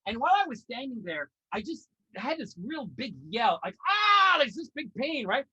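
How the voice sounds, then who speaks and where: A man's voice: very high-pitched, big pitch swings, normal speed, pushed and bright, husky, highs cut off. A man from Canada doing a stand-up comedy set over a video call, swearing a lot and ranting in exasperation while acting out his own exclamations.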